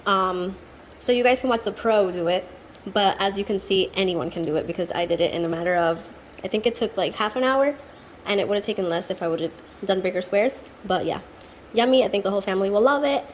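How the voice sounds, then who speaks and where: A woman's voice: medium pitch, fast, slight background noise, rough recording. A woman chatting casually and upbeat through a home cooking vlog, joking about her own results. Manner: chatty, upbeat, self-deprecating. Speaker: nail channel host trying a recipe. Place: home kitchen.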